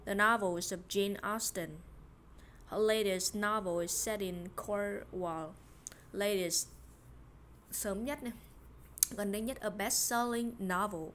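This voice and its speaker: A woman's voice: medium pitch, measured pace, a little hiss or hum. Woman teaching English, repeating pronunciations. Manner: explains words, repeats pronunciation, mutters soft asides. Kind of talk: casual language lesson.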